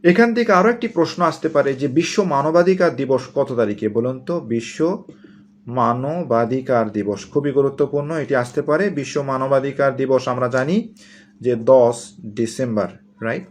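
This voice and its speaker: A man's voice: medium pitch, fairly quick, a little hiss or hum. A man from Bangladesh giving an exam-prep lesson, asking questions and answering them himself, repeating key points. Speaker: teacher. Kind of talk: exam-prep lecture with memory tricks.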